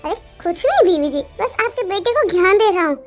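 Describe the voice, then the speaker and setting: Woman doing a henpecked dad, playful and meek, very high voice. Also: animated, fairly quick, faint music behind. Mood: joking. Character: henpecked middle-aged father, joking. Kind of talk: Hindi fan dub acting.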